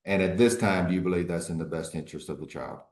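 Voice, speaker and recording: A man speaking as an attorney in a courtroom recording, formally questioning a witness in a measured, halting way. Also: low voice, darkish tone, echoey room. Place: courtroom hearing.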